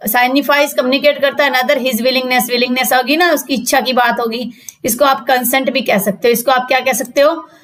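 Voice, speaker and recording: Woman law tutor, high-pitched, patient step-by-step explainer who quizzes her class. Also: fairly bright tone. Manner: explains step by step, repeats questions and answers to students. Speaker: law teacher. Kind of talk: spoken lecture reading out legal text.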